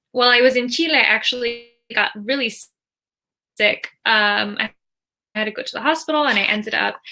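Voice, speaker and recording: Young US woman, bright higher voice, reflective guest, lots of ums. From United States. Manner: reflective, with frequent fillers. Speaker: panel guest. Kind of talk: casual discussion.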